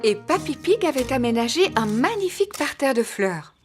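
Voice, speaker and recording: A cartoon pig mother with a high, expressive voice. She sounds sensible, affectionate and patient, over clear background music. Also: normal speed. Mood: fond, patient. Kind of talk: children's cartoon dubbing.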